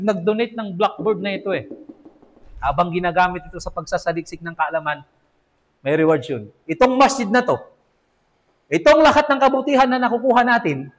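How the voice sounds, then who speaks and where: High-voiced man teaching in a mosque. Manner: conversational, asks "di ba?" often, acts out children's replies. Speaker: imam teaching a weekly class. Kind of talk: casual Islamic lesson. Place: mosque classroom. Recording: dull lo-fi recording.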